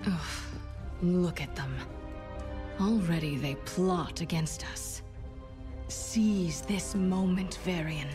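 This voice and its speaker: A bitter sorceress with a lowish voice, urgent and disdainful. She speaks slowly and urgingly over clear music, as in a game cinematic. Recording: music under the voice.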